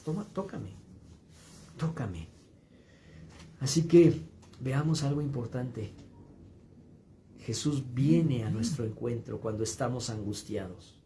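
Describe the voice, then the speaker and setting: Gentle pastor, mellow voice. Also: male voice, medium pitch, a little hiss or hum. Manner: gentle, consoling, repetitive phrasing. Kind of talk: sermon.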